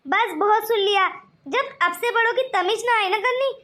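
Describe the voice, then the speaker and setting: A woman's voice: extremely high pitch, normal speed, pushed and bright. A woman voicing a stern young man in a cartoon story, speaking in a reproachful tone. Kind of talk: cartoon voice acting.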